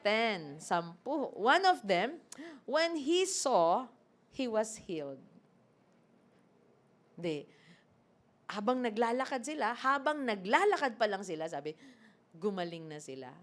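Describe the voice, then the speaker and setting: A woman preacher giving a lively sermon, acting out scripture and asking the congregation questions. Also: medium pitch, takes it slowly, pauses often. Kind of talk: sermon mixing Tagalog and English.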